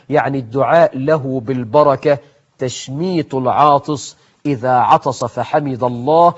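A male preacher with an Egyptian Arabic accent, giving a sermon full of acted-out dialogue and swings between loud and hushed. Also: mid-range voice. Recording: dull lo-fi recording.

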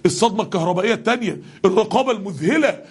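A man with an Egyptian Arabic accent preaching a passionate sermon to a congregation, his voice climbing to shouts on the key lines. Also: high-pitched, expressive, rapid-fire, husky. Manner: impassioned, rising to shouts on key verses.

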